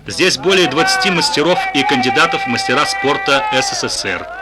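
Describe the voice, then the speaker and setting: A man's voice: mid-range voice, animated, brisk. A man reading formal, declamatory narration for an old archival newsreel as a studio voice-over. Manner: formal, declamatory announcer delivery. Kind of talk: scripted documentary narration. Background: loud music.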